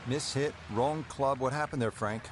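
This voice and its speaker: A male golf commentator with a mid-range voice. He calls the play in a measured, conversational broadcast style, with clear outdoor noise behind him. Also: medium pitch.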